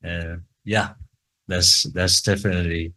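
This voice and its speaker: At a conference, a man from Taiwan delivers his talk in English, slowly and carefully, with a Chinese accent shaped by his first language, Mandarin. His very low voice sounds pushed and bright, the delivery flat, and he stutters, repeating words and word beginnings.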